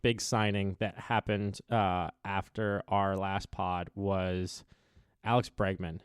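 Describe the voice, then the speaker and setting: A man's voice: low voice, level tone, slow, clear, resonant tone, dry recording, studio quality. A man hosting a casual podcast on a headset in an apartment, rambling with lots of "like" and trailing thoughts. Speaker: podcast host. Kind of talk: casual chat.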